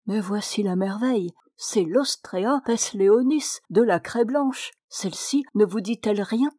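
A woman's voice: mid-range voice, a little slow, mellow, no echo, studio quality, natural voice. A woman voicing a tiny, pedantic old hunchbacked gnome who collects fossils, fussing over Latin names.

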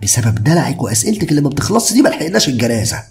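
A man's voice: fairly high pitch, fairly even intonation, rapid-fire, faint music behind, voice pushed up, natural voice. A man with an Egyptian accent voicing a stern, anxious middle-aged village mother who scolds her daughter. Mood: scolding. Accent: Egyptian Arabic. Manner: scolding, impatient.

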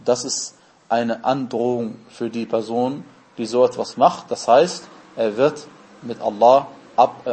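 A man's voice: mid-range voice, darkish tone. A man giving a religious lesson, explaining terms step by step and answering his own questions. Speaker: Islamic teacher.

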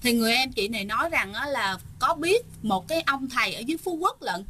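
Woman narrator, chatty ghost-story telling, bright and somewhat high. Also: slight background noise. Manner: chatty, addresses listeners often, many fillers. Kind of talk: casual spoken storytelling.

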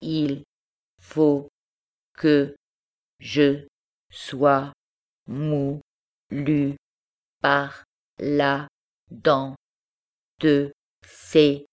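A woman voicing a little orphan girl who reads aloud slowly, stopping at every syllable, in a storybook reading. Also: deep voice, little pitch movement, a little mellow. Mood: grave, halting. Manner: halting, one syllable at a time.

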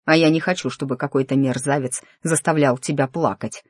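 A reader voicing a tense, stubborn young nobleman in an audiobook, speaking slowly and with restraint. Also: mid-range voice, steady tone, darkish tone, no room sound, studio quality, natural voice. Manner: restrained, clipped, slow. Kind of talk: audiobook character dialogue.

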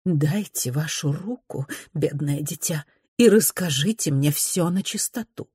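Woman playing a sickly aristocratic lady, faint, weary, breathy, lower voice. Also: expressive, measured pace, warm tone, no echo, studio quality, full character voice. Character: fretful ailing aristocratic older lady.

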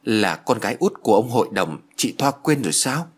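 A tactless young country man who speaks bluntly, as the narrator plays him. His voice is husky and lively. It comes from a spoken audio story. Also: medium pitch, a little fast. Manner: blunt, matter-of-fact.

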